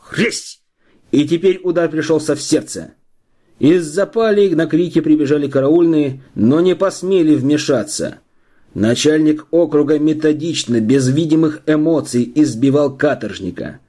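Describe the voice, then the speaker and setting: A man with a slightly high voice narrates an audiobook from a script, keeping a steady, measured storytelling tone.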